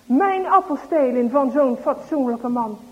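A woman's voice: sits high, animated, a little slow. A woman voicing a grumpy, suspicious old man muttering about thieves, on a dull lo-fi recording. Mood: grumbling. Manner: grumbling.

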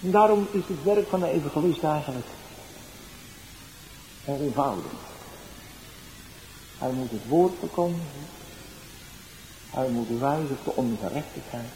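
A male evangelist, giving a sermon with personal testimony, going from soft storytelling to loud exclaiming. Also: medium pitch, expressive, a little slow, pauses often. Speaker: evangelist preacher. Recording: roomy echo, faint background noise.

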